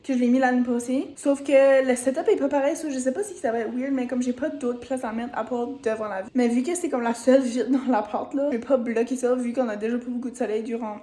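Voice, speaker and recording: A young woman with a Quebec French accent, hoarse from a sore throat, chatting and rambling in a casual vlog with lots of fillers. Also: a little high, steady tone, fast talker, few pauses, mellow. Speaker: vlogger.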